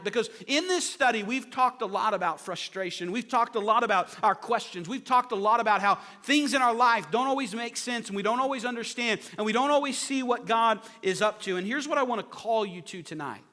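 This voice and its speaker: A man's voice: extremely high pitch, lively intonation, a little fast, hardly any pauses, bright, forceful tone. A man preaching an earnest sermon, repeating phrases for emphasis. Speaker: pastor. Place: church sanctuary. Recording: echoey hall with long reverb.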